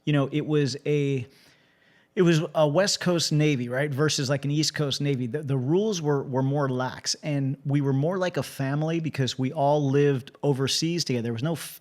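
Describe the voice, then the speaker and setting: A man hosting a casual interview, telling animated stories and often restarting his sentences. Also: on the high side, moderate pace. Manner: animated storyteller, frequent restarts.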